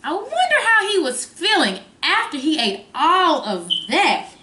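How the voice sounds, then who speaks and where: A woman with a high, very lively voice reads a picture book to little children like a kindergarten teacher. Her delivery is sing-song and expressive, with simple questions put to the listeners. The sound is roomy and echoing. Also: unhurried. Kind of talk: reading a picture book aloud to young children.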